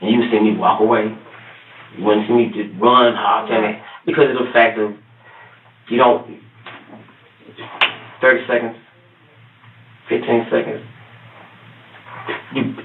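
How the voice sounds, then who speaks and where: Rambling low-voiced man in an echoey room. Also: little pitch movement, moderate pace, long pauses, background noise. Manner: rambling, repeats himself, many restarts. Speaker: suspect under interrogation. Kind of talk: halting confession. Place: police interrogation room. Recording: echoey, tinny, distant room audio.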